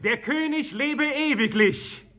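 A man's voice: very high-pitched, slow, pushed and bright, muffled recording, full character voice. A man playing a faithful, reverent survivor calling out in a radio play. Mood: relieved, reverent.

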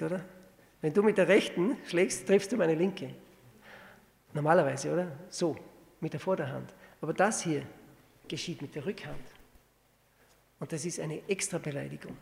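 A man with a gravelly, creaky voice preaches a verse-by-verse sermon in a conversational way. He stumbles into restarts and keeps checking in with his listeners through rhetorical questions. His voice rings out with a long reverb in a church hall. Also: fairly high pitch, darkish tone. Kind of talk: sermon, verse-by-verse Bible exposition.

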